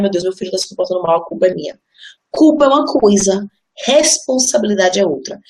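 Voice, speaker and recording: A woman teaching a live parenting class with an earnest, conversational delivery. She explains things patiently and speaks directly to her listeners, with an easy, mid-pitched voice. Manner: earnest and explanatory, often addresses listeners as "gente"; drops into a soft, low, gentle voice when speaking as she would to her child. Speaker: parenting educator, mother.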